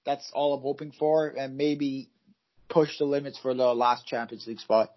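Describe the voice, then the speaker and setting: A man's voice: mid-range voice, little pitch movement, normal speed, dull audio. A man co-hosting a casual football podcast, rambling with many fillers and restarts. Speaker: podcast co-host, football fan. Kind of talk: casual chat.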